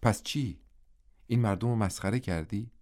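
A man's voice: lowish voice, a little mellow, lightly acted. A man voicing a pleading police captain. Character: police captain, pleading old friend, male.

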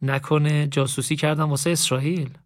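A man voicing a calm young male student who answers softly and politely in an audiobook. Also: a little high, no room sound, clean studio sound, close to an everyday voice. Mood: wry. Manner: calm and soft-spoken, polite.

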